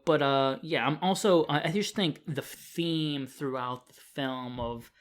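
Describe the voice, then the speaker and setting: A man's voice: medium pitch, fairly bright tone. Young man rambling through a casual film review. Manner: rambling, heavy on fillers and self-corrections, swears casually.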